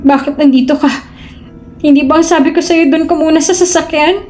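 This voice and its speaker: A woman voicing a heartbroken pregnant young woman, soft-spoken and tearful, in a storybook tale. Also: medium pitch, level tone, fast talker, soft background music, lightly acted. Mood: upset.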